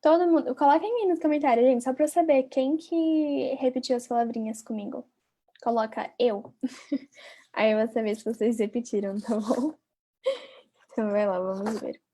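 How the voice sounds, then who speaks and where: A woman with a Brazilian Portuguese accent teaching a live online English lesson. She repeats each word slowly and talks directly to her viewers. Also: fairly high pitch, warm tone. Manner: patient, drills words by repeating them slowly, chatty asides to viewers.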